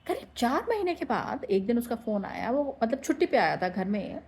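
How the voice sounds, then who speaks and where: A woman speaker telling a life-lesson story in an expressive way, mixing Hindi and English, with slow, deliberate emphasis on key lines. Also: a little high, husky. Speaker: motivational speaker. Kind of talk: motivational storytelling.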